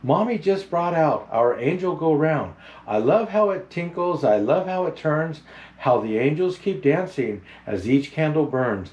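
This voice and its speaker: A man playing a jolly old Santa Claus who hosts a picture book reading in a gentle, halting, unhurried manner. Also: a little high, animated. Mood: gentle storytelling.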